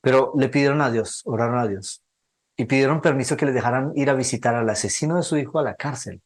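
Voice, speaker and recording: A man teaching a theology seminar, telling a story in an earnest, emotional, sermon-like way and slowing down for emphasis. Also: mid-range voice.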